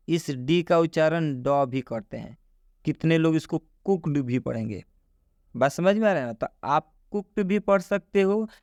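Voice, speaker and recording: A man explains pronunciation rules at a slow, deliberate pace, going over each point again and again and putting questions to the viewer. His voice is smooth and on the higher side, and it sounds close and dry. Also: no echo. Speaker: English pronunciation teacher. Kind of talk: classroom-style explanation in Hindi.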